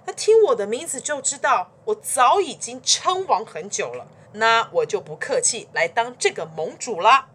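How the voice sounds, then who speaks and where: A woman's voice: on the high side, very animated, moderate pace, few pauses, fairly bright tone, husky, voice pushed up, heavily acted. A woman doing a brash, boastful ancient king. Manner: blunt, boastful.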